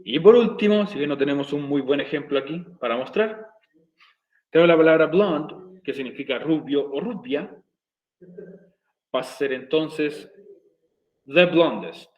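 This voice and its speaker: Man, teacher, slightly high voice, slow repetitive explaining, echoey room. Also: dull audio. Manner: slow, repeating explanations step by step. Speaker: English teacher. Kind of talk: recorded video lesson.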